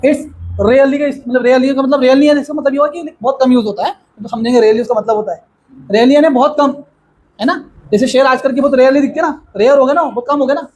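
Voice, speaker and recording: A man teaching a grammar lesson to a classroom of students, explaining slowly and asking them questions again and again. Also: very high-pitched, darkish tone, a little hiss or hum, poor audio.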